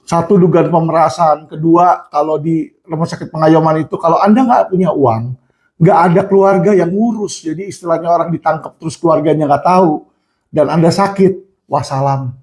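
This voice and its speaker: A man's voice: on the high side, normal speed. A man speaking out to viewers in an impassioned monologue, emphatic, often addressing them as friends and acting out the people he quotes. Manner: emphatic, repeats "teman-teman" and "ya", acts out quoted people in raised shouts.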